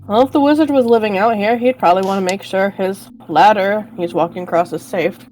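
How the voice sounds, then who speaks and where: Woman playing a tabletop game, mid-pitched. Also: brisk, a crowd in the background, low-quality recording. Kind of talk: casual in-character game banter.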